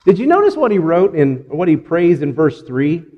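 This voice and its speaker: A man's voice: a little high, big pitch swings, normal speed, long reverb tail, phone-quality sound. A man preaching a sermon with earnest emphasis, repeating phrases and acting out the quotes he reads. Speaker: pastor.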